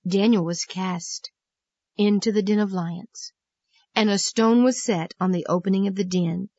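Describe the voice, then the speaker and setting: A woman's voice: medium pitch, unhurried, no echo. Woman children's Bible teacher, earnest storytelling, dull dry recording. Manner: earnest, gently emphatic storytelling.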